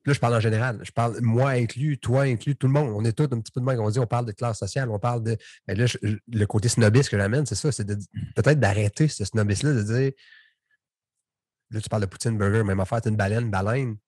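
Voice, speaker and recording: A man's voice: medium pitch, fast talker, a little mellow, slightly rough, no echo, studio quality. A man with a Québécois French accent hosting a casual podcast interview, talking in a rambling, conversational way. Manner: rambling, conversational, many restarts. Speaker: podcast host.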